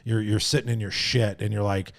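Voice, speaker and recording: Blunt, profane podcast host, low voice. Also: male voice, flat delivery, a little fast, vocal fry. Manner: blunt and profane, tags lines with "right?". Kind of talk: casual interview chat.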